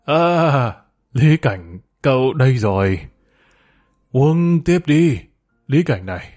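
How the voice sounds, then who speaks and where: Man doing a drunk doctor, slurring, blubbering, self-pitying, mellow tone, faint music behind. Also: mid-range voice, sing-song, slow. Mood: drunkenly cheerful.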